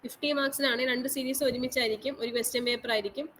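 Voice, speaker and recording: Brief: woman lecturer on an online class call, higher pitch, repeats every instruction, faint background noise. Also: fairly even intonation, very fast, a bit bright, poor audio. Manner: repetitive, instructive, mixes English terms into speech. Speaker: college teacher.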